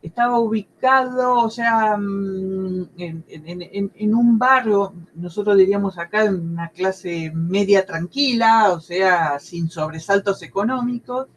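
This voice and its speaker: A woman in her sixties from Argentina with a Buenos Aires province accent, a history teacher speaking as an interview guest and recalling her schooling, often pausing with fillers and restarting. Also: medium pitch, a little hiss or hum, rough recording. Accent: Argentine Spanish, Buenos Aires province. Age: 60s. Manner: hesitant, many fillers and restarts. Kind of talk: conversational interview.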